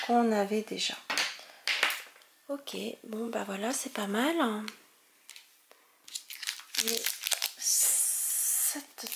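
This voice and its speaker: Slow, gravelly woman unboxing cards. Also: fairly high pitch, heavy background noise. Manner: chatty, exclaims over each card; stumbles over names. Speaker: card-opening video host. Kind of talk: casual card-unboxing commentary.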